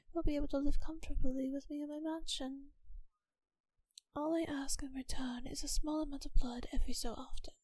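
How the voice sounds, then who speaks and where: In a soft ASMR roleplay, a woman voices a wealthy vampire mistress who is kind yet possessive, offering genteel, unhurried reassurance in a gentle, breathy near-whisper. Her voice is high and the audio has no echo.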